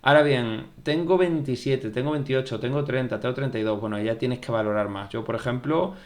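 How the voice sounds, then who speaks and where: A young YouTube tech educator talks to camera with casual advice on studying programming, often repeating phrases and acting out viewer questions. His medium-pitched voice runs a little fast.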